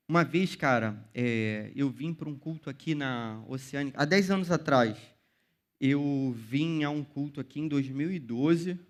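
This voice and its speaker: A young man with a Brazilian Portuguese accent preaching a casual youth sermon, full of slang and direct address to the listeners. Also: fairly high pitch. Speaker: youth pastor.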